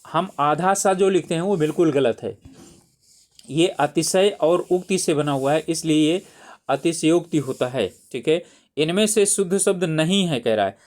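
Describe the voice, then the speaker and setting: Man, exam tutor, slightly high voice, patient, repeats words often, close mic. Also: moderate pace, darkish tone. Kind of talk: explaining exam spelling questions.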